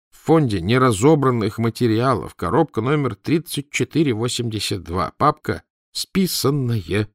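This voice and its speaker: A man's voice: medium pitch, no echo, studio quality, pitched above the performer's own voice. Man voicing a meek, flustered old philologist. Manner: timid, flustered. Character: meek, bewildered older male philologist.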